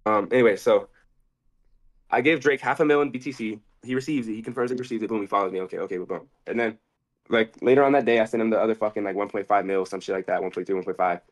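Rapid-fire cursing man. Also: fairly low pitch. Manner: rapid, cursing, restarts often. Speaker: interview guest. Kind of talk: rambling profane storytelling.

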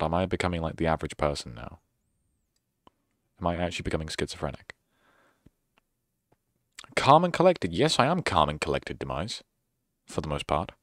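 Closing out his stream, a young man talks casually into a close microphone, rambling and sarcastically poking fun at himself. His low-sitting voice has a fairly bright tone, and the recording is dry.

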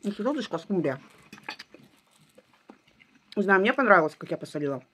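A woman's voice: medium pitch, sing-song, moderate pace, fairly bright tone, a little hiss or hum. Woman chatting while chewing food. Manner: homely, chatty, fond of diminutives. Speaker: vlogger. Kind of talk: casual mukbang vlog chat.

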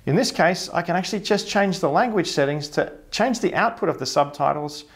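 Reading from a script in an indoor studio with a blurred office backdrop, a man in his thirties with a broad Australian accent presents a tech tutorial to camera. His voice is a little higher than most men's. He sounds upbeat, expressive and explanatory, and he speaks briskly.

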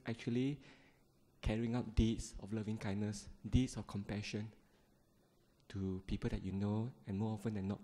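Man from malaysia, mellow dark voice, easygoing dharma talk, handheld mic, lots of ums and uhs. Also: lowish voice. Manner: gentle, conversational, with frequent fillers and small laughs. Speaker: guest speaker at a Buddhist group. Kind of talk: Dharma talk to a seated audience. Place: temple hall, indoors, seated on the floor before a shrine. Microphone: handheld microphone.

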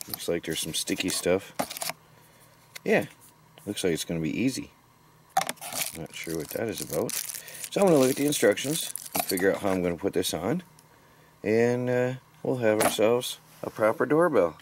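Easygoing low-voiced man outdoors. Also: lively intonation, moderate pace, long pauses. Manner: easygoing, rambling, chuckles to himself. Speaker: homesteading vlogger. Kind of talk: casual work-along narration. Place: outdoors on a rural property. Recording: faint outdoor background noise.

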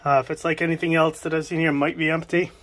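Filming with a handheld phone, a New England estate sale buyer mumbles through a cluttered indoor shed during a cleanout, relaxed and talking to viewers as he picks items. His slightly high voice moves fast, with a little hiss or hum in the recording.

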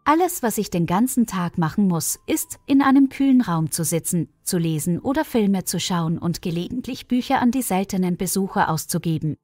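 A woman voicing a young pregnant village woman, quiet and resolute, in a storybook reading. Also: mid-range voice, expressive, moderate pace, few pauses, no room sound, studio quality, soft background music, close to an everyday voice. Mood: earnest.

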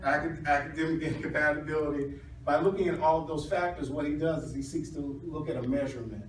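A middle-aged man giving a hedging, halting academic explanation with restarts, as a doctoral candidate at his defense. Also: on the high side, steady tone. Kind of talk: academic oral defense, answering questions. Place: small university classroom, indoors. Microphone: distant camera or phone across the room. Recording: echoey room, distant mic, noisy.

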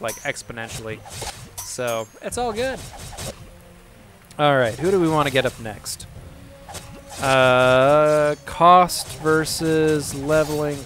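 A man's voice: mid-range voice, a bit bright. A man giving casual, upbeat let's-play commentary, rambling and laughing easily as he plays. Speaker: gameplay commentator. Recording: game music playing behind.

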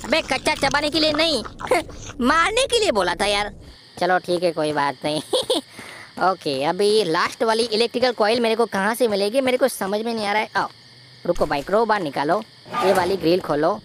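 A woman giving excitable, giggly commentary over a horror game, boasting and joking. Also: medium pitch, moderate pace, slight background noise. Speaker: gameplay YouTuber. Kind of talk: let's-play commentary.

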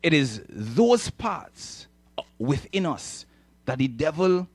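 Slow and sing-song, a Trinidadian man with a high-leaning, darkish, slightly rough voice preaches emphatically from a church hall stage. He speaks into a handheld microphone, repeating phrases and calling for agreement from the crowd in an animated sermon recorded without echo.

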